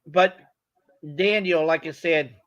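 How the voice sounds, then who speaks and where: Bright high-voiced male host. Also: slow pace, dull audio. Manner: enthusiastic, stumbles and repeats words. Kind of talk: live stream interview. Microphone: video call.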